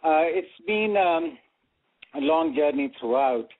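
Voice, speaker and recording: A man's voice: on the high side, animated, slow pace, husky. An older man from Pakistan, a radio interview guest who rambles and hesitates with many fillers. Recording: phone-like radio audio.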